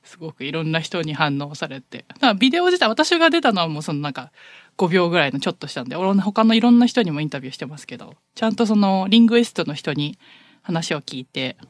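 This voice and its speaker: A woman's voice: lowish voice, fast talker, no echo. Woman co-hosting a chatty podcast, voice swings up and down a lot, laughs a bunch, dry close mic. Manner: animated storyteller who laughs often. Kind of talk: casual chat.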